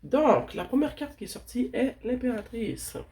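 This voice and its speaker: A tarot reader with a stuffy, sniffly nose gives spiritual guidance, talking to viewers casually and affectionately in a nasal, congested voice. Her fairly high, warm voice swings widely in pitch at a normal speed, with slight background noise.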